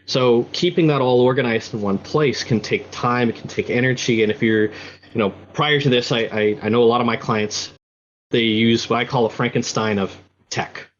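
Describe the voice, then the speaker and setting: A man speaking as an interview guest, explaining his software product in a conversational, explanatory way. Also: mid-range voice, steady tone, normal speed, highs cut off, a little hiss or hum.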